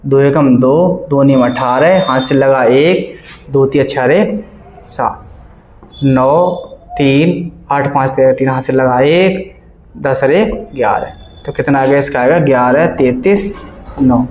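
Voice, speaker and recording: A man's voice: mid-range voice, slow, a little mellow. A man teaching a math class, talking the sums through one step at a time and checking again and again that everyone follows. The room rings with a strong echo and a faint hum underneath. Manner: keeps asking the class questions and checking they follow; works sums aloud step by step, repeating numbers. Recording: echoey classroom, faint background noise.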